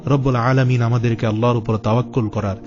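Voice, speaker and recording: A man's voice: mid-range voice, flat delivery, fast, muffled recording. A man telling a religious story in an earnest, devotional narration. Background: music.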